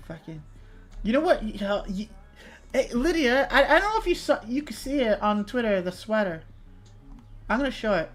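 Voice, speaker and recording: A woman's voice: fairly high pitch, big pitch swings, moderate pace, pauses often. A young woman VTuber chatting casually on a livestream, reading chat and swearing freely, with light music behind. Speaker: VTuber streamer.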